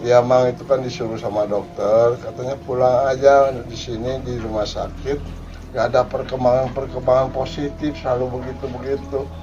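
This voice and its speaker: A man's voice: mid-range voice, level tone, moderate pace, highs cut off, music in the background, lightly acted. A man voicing a patient, grieving elderly father who speaks wearily and pleads in prayer, in a told story. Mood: weary.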